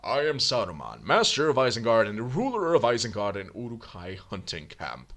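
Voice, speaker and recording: A man's voice: lowish voice, wildly swooping pitch, a little fast, a bit bright. A man voicing a haughty old male wizard lord in a video game, reading the lines in a mock-grand tone. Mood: pompous.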